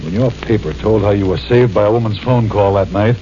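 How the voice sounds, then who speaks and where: A man plays a wary, blunt mob tipster in a 1940s radio drama, speaking in low, blunt gangster talk with plain slang. His voice is fairly low and warm, a little fast, and lightly acted. The old radio transcription is muffled, with a faint hiss.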